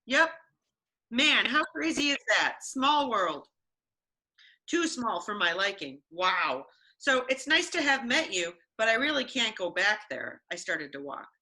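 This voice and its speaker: A woman co-hosting a comedy podcast, reading fan fiction aloud with playful, animated delivery and chatting casually. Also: on the high side, measured pace. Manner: animated, playful, acts out dialogue. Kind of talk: comic dramatic reading and casual chat.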